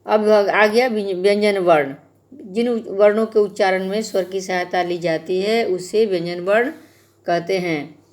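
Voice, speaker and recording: A woman's voice: medium pitch, unhurried, a little mellow. A woman teaching a grammar lesson to schoolchildren, explaining patiently and speaking to the children directly.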